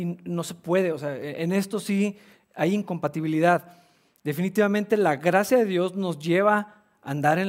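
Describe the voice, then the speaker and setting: A man preaching a sermon with earnest, repeating emphasis and fillers as he searches for words. His voice sits a little high for a man. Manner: earnest, repetitive, with frequent restarts and fillers. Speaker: pastor.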